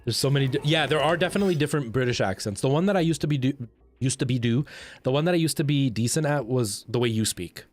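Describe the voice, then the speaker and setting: Talking at a quick pace in a mid-range voice, a man in his thirties from El Salvador chats casually with his live stream viewers, a light Canadian accent in his speech. He rambles and restarts a lot while faint music plays.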